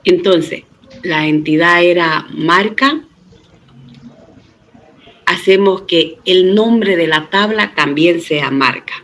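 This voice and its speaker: A man's voice: sits high, slow, pauses often, pushed and bright, rough recording. A middle-aged man giving a recorded database lecture, explaining step by step. He often checks in with the students and says 'este' as a filler. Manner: patient step-by-step explaining, with frequent tag questions to students; uses 'este' as a filler and often restarts words. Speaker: database teacher.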